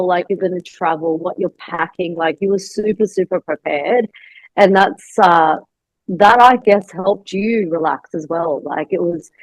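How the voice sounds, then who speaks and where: A woman with a lowish voice speaks as a bodybuilding coach in a relaxed podcast chat. Her delivery is reassuring and advisory, often pausing on fillers as she thinks aloud. The sound is dry and close, with little room in it. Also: no echo, rough recording. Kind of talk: casual podcast conversation.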